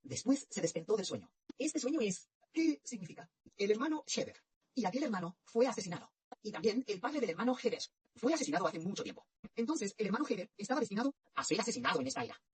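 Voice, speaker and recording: A woman tells a spiritual dream story in a measured way, often going back over her phrases. Her voice is very breathy and husky. Her pitch rises and falls in a lively way. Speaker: religious narrator.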